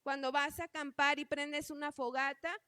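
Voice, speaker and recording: A woman delivers an earnest sermon, speaking directly to her congregation. Her voice sits high and bright, and the sound is close and dry, with no room echo. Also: level tone, normal speed. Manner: earnest, repeatedly calling the congregation brothers. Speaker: preacher.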